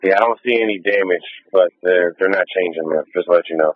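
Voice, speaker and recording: Low-voiced male officer on tinny radio. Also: quick pace, no echo. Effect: police radio. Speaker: police officer calling in on the radio. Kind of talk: terse radio traffic. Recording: tinny narrowband scanner radio.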